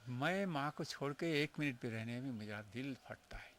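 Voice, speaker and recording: A man's voice: mid-range voice, lively intonation, moderate pace, fairly bright tone, a little hiss or hum. A man, a monk being interviewed, telling his memories earnestly and with feeling, slipping in English phrases. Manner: earnest, emotional storytelling mixing in English phrases. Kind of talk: reminiscing interview.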